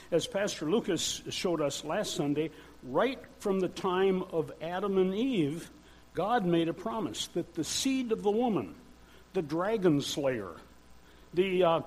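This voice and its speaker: An older man preaching a sermon in a church, earnest and measured, with pauses. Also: high voice, darkish tone, poor audio. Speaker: church speaker.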